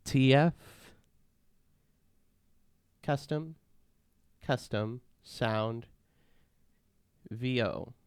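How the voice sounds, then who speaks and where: A tutorial host walks through some software step by step, casual and relaxed, in a smooth, resonant, medium-pitched male voice. His tone stays instructive. The recording is dry and close, with no room sound or echo.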